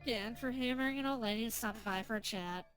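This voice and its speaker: A woman reads the lines of an old tea-leaf reader with a fairly high voice, cryptic and gently advising. Faint music plays behind her. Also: fast, close to an everyday voice. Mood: parting.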